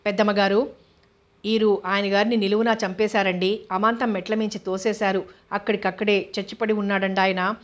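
A woman's voice: medium pitch, level tone, normal speed, lightly acted. A woman voicing a panicked, deferential male servant driver in a storybook reading. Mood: frantic. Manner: frantic, deferential.

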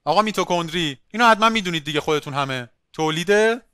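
Bright, lively male teacher. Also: fairly high pitch, clean tone, no echo, studio quality. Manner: lively, calls on students by name, asks questions. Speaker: biology teacher. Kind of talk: online class lecture.

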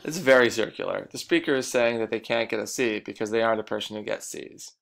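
Guy lecturing on a recording, lowish gravelly voice, goes over stuff twice. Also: fast, a bit bright. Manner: explanatory, repeats key points. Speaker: teacher.

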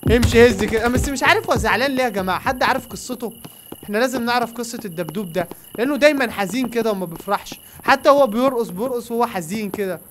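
A young man with an Egyptian Arabic accent races through excited game commentary and speaks straight to his viewers. His delivery is very quick and lively. Clear music from the game plays underneath. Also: extremely high pitch. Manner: rapid, excited running commentary, talking to viewers. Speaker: gaming YouTuber. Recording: game music playing behind.

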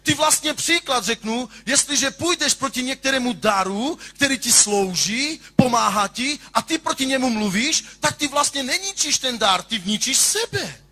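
A male pastor delivers an impassioned sermon. His voice sits high and sounds bright and husky. He swings from singsong shouts to hushed asides. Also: animated, hardly any pauses.

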